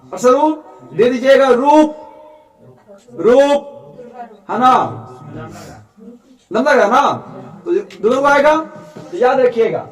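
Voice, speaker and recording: A man teaching a classroom grammar lesson, patiently repeating sounds aloud for his students. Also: very high voice. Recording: echoey classroom, distant mic.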